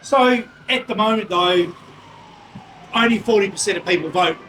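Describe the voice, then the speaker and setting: A man's voice: sits high, moderate pace, a bit bright, a little hiss or hum, rough recording. A man hosting a casual interview, prodding his guest with teasing questions. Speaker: host.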